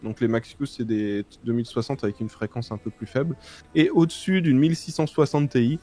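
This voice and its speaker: A man co-hosting a casual tech news show, reading out the news in a relaxed way with hesitations. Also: medium pitch, brisk, faint music behind.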